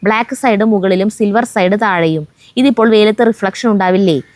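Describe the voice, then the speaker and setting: A woman's voice: medium pitch, a little fast, darkish tone, dry recording. Woman reading viewer comments aloud, dry sound. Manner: reads steadily, breaks off to chat and joke. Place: outdoors at home on a windy day.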